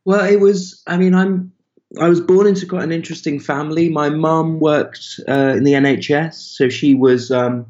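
A man, an author speaking as a podcast guest, in a measured, hesitant way with fillers. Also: on the high side, steady tone, a little mellow, muffled recording. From Wales. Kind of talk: podcast interview.

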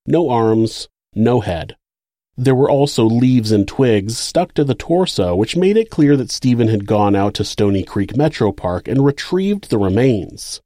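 A man's voice: lowish voice, warm tone, dry recording, clean studio sound. A man with an American accent reading scripted true crime narration as the narrator of the case.

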